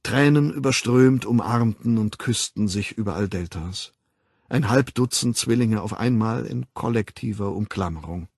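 Husky, gravelly male audiobook narrator. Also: fairly low pitch, moderate pace, darkish tone, dry recording, clean studio sound. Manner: dramatic, shifts into character voices. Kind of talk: scripted novel narration.

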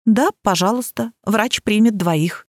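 A woman voicing a brisk, businesslike nurse calling patients in. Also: mid-range voice, darkish tone, no echo, studio quality, lightly acted. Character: polite clinic nurse, brisk.

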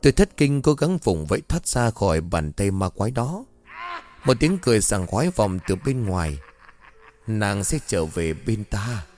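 A man reading a first-person horror story aloud in a slow, suspenseful narrating manner. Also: lowish voice, very animated, darkish tone, a little hiss or hum.

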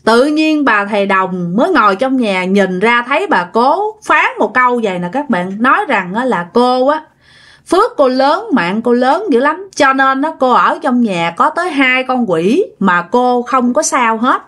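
A woman's voice: a little high, very animated, moderate pace, few pauses, a bit bright. A woman telling a ghost story in a chatty way and talking straight to her listeners. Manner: chatty, addresses listeners directly.

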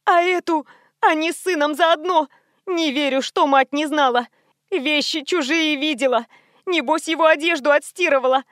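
A woman narrator doing a grief-stricken mother driven to fury, shrieking and sobbing out accusations in a high, raised voice. The sound is dry and close, like a storybook audiobook. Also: normal speed, fairly bright tone, no room sound. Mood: furious. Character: grieving furious middle-aged mother.

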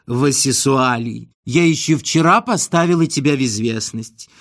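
A man's voice: mid-range voice, normal speed, close to an everyday voice. A man doing a cold, curt wife. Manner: curt, dismissive, flat. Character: cold, impatient wife, adult woman. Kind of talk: comic audiobook reading.

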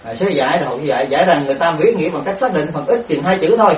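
A fairly high-voiced man giving a Buddhist dharma lecture, halting and repeating words as he sounds out syllables. He is heard from a distance in an echoey room, on a dull recording. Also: expressive, slight background noise. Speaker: Buddhist monk teacher.

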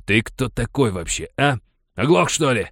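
A man voicing a furious, bullying male miner foreman who shouts coarse threats. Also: mid-range voice, big pitch swings, slow, no room sound, studio quality, voice pushed up. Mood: enraged.

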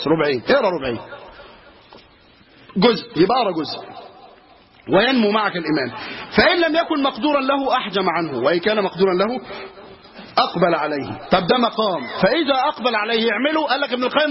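A man's voice: sits high, quick pace, pauses often. A man with an Egyptian Arabic accent teaching a religious lesson as a sheikh, telling stories with asides and humor. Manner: lively storytelling with asides and humor. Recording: dull lo-fi recording.

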